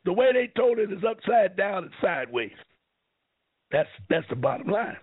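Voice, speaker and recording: A man hosting a call-in radio talk show, fiery and preachy, swinging between shouting and low asides. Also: big pitch swings, normal speed, slightly rough. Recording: tinny phone-line radio sound.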